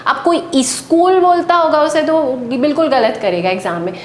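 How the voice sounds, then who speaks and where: A woman's voice: sing-song, normal speed. A woman teacher, giving a patient classroom lecture and answering her own questions. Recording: echoey room with faint rumble.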